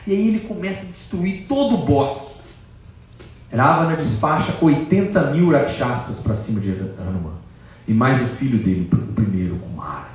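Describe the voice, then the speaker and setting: A man giving a devotional storytelling lecture at a religious celebration, telling the tale in an animated, dramatic way. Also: mid-range voice, moderate pace. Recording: echoey hall from far off.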